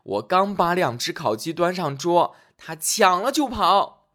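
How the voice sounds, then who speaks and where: A man's voice: a little high, sing-song, normal speed, a bit bright, exaggerated voice. A man voicing a sly, greedy young female cook in a children's fairy tale, playful and scheming. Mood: mock innocent. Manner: playful, whispering when scheming.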